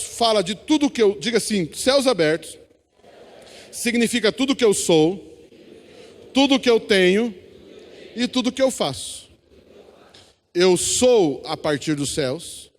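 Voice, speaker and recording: A Brazilian man preaches from the pulpit with a notably high voice, urging the congregation to answer and repeat after him. His voice rings out with the long reverb of a church hall. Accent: Brazilian Portuguese. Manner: exhorting congregation, call-and-response. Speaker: pastor. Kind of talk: sermon.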